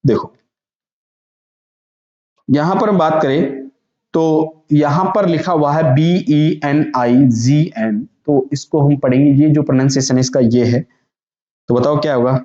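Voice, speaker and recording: Brief: male teacher, mellow slightly high voice, drills pronunciation with call-and-repeat, echoey dull recording. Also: fairly even intonation. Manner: repeats each word slowly and asks the class to say it back. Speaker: vocabulary teacher. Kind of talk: exam-prep vocabulary lesson. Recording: echoey room, dull lo-fi sound.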